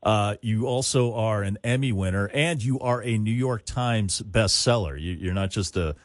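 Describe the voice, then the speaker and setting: A man's voice: lowish voice, moderate pace, no room sound. A man hosting a casual radio interview in a conversational way.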